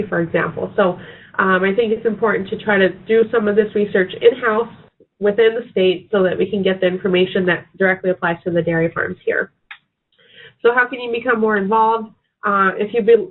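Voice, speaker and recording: A sick woman veterinary researcher with a raspy voice, presenting a webinar with hesitant ums and restarts. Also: mid-range voice. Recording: tinny phone-like webinar audio.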